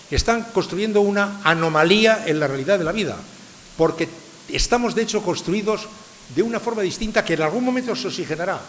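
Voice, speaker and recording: Speaking in a high, slightly bright voice, an older man from San Sebastián, Spain, addresses a live audience in a public lecture. He asks rhetorical questions and drives his points home, and the recording carries the echo of a hall plus faint hiss.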